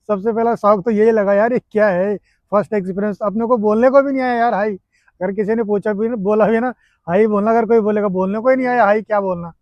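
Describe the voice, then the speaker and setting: A man's voice: sits high, no room sound, muffled recording. A man from India telling a casual story to his viewers, chatty and laughing as he talks. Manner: chatty, laughing, addresses friends often. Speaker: vlogger. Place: Japan.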